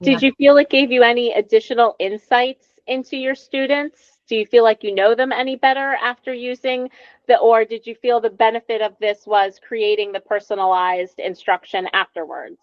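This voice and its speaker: A woman's voice: a little high, fairly even intonation, normal speed, no room sound. A woman co-hosting an education podcast, asking questions and affirming her guest. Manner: encouraging, affirming. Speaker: podcast co-host. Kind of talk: conversational interview. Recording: dull lo-fi dry sound.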